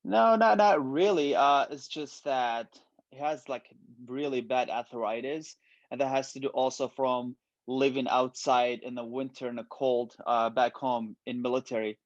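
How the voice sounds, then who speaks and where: A mid-range male voice, a little slow, belongs to an Iraqi-born bodybuilder in his late 20s who is a guest on a casual interview. He's relaxed, leaning on ums and likes, and the dull, dry recording has no echo.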